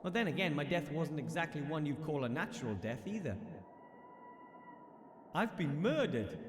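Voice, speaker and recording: Ghost gnome guy voiced by a man thinking out loud, high bouncy voice, echoey and noisy. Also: lively intonation, moderate pace, lightly acted. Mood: musing. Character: a young male gnome as a ghost, chatty and upbeat. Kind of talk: video game voice acting.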